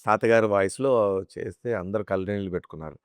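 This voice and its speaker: A man, a mimicry artist, telling animated stories about his life and slipping into imitated voices. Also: on the low side, very fast, clear, resonant tone, dry recording. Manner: animated storyteller who slips into chanting and imitated voices. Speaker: mimicry artist, interview guest. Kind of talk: casual interview storytelling.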